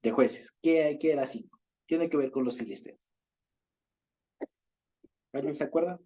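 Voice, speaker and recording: A man leads a Bible study in a fairly high, mellow voice. He reads passages aloud, chuckles as he explains, and keeps checking that his group is following. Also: a little slow.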